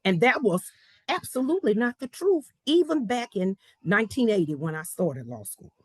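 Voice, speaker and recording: A woman's voice: medium pitch, big pitch swings, normal speed, husky, no room sound. A woman, a law professor telling a story in an interview and acting out the people she quotes. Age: 60s.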